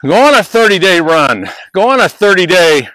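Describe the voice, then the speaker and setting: A man's voice: high voice, sing-song, normal speed, bright, forceful tone, no echo, rough recording. An older man giving a casual, motivational talk, playful and emphatic, a little out of breath from climbing stairs. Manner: breezy, playful and emphatic, with repeated hooks. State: slightly out of breath. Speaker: network marketing trainer.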